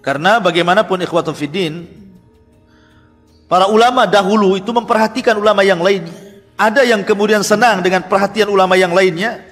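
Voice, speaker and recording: A man's voice: brisk, fairly bright tone, long reverb tail, faint music behind. A man preaching a storytelling sermon, mixing Arabic phrases into his speech and acting out the voices in his story. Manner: acts out quoted voices with pitch swings.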